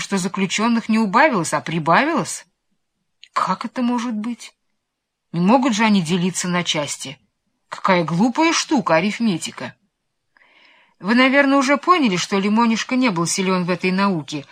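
A woman reading a children's story aloud in an expressive, animated, playful way. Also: mid-range voice.

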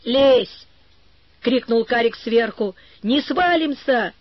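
A woman voicing a brave, commanding young boy in an audiobook, with a high, boyish, raised voice. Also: expressive, takes it slowly, dry recording, lo-fi sound. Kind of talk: audiobook reading.

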